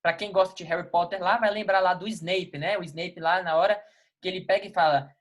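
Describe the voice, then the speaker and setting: Brazilian male teacher, patient explainer, repeats and checks in often, reads examples slowly. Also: high-pitched, fairly even intonation. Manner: patient, repeats key words and checks in with "ok? tá? beleza?"; reads English example sentences slowly, then translates them. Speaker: English teacher. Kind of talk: recorded classroom lesson.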